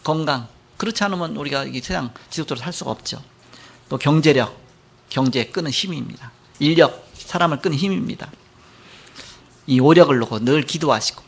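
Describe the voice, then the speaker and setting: A middle-aged male pastor preaching a sermon, telling a personal story and moving between loud emphasis and quiet asides. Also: fairly high pitch, vocal fry.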